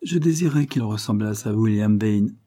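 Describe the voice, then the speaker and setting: A man reading aloud, voicing a calm, self-possessed young male lawyer who speaks firmly but with good humour, in a storybook reading. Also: fairly low pitch, moderate pace, natural voice. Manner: firm, evasive, good-humoured.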